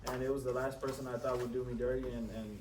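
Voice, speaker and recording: A man in his twenties on a podcast, talking earnestly in halting phrases with many restarts. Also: mid-range voice, flat delivery. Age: 20s. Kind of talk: casual chat. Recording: echoey room, distant mic, faint noise.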